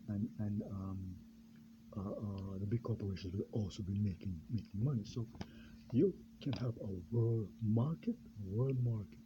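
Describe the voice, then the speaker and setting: A man from Jamaica, a pastor, talking in a rambling unscripted monologue, halting and full of fillers and repeated words. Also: fairly low pitch. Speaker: pastor and self-styled candidate. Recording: dull lo-fi recording with clear background noise.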